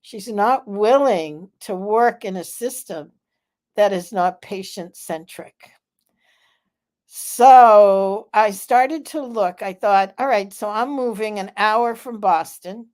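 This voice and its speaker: A woman in her seventies hosting a live vlog, telling a story in a slow, chatty way with many fillers. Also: medium pitch, darkish tone. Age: 70s. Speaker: vlog host. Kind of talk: casual live vlog chat.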